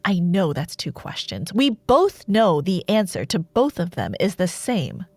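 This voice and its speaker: A woman voices a taunting, imperious dark sorceress warlord in a roleplay audio drama, heavily acted and very animated in a lowish voice. She is sardonic and theatrical, lets pauses linger, and comes across as probing and smug. The recording is dry.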